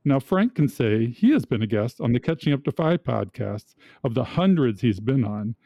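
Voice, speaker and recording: A man with a mid-pitched voice hosts a podcast, delivering scripted introductions. The recording is very dry and a little dull. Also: very animated, normal speed, creaky, no echo. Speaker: podcast host.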